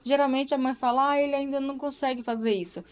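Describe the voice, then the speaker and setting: A woman's voice: high-pitched, steady tone, fast talker. A young woman in casual live-stream chat, talking to viewers and checking in with tag questions.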